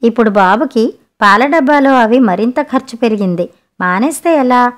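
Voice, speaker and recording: A woman's voice: a little high, animated, normal speed, close to an everyday voice. A woman voicing a practical, matter-of-fact young husband in a read-aloud story, reasoning plainly. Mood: dismissive.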